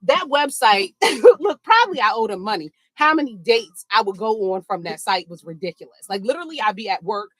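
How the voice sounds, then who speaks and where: A woman telling a funny story in a sassy, animated way, talking to listeners as girl and baby while she walks on a treadmill. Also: medium pitch, brisk, no room sound. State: walking on a treadmill. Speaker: podcast host. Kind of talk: casual storytelling while walking. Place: home treadmill, indoors.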